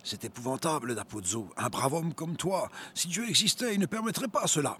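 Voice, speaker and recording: A man voicing a sly male devil who whispers doubts, in a hushed, insinuating voice that swings high and low. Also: very animated, fast, slight background noise. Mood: taunting.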